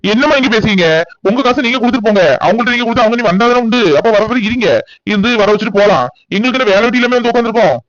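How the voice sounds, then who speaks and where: Cartoon: impatient male collector voiced by a man, quick and high, muffled dry sound. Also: a bit bright, no echo. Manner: brisk, demanding. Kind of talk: cartoon voice acting. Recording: dull lo-fi dry recording.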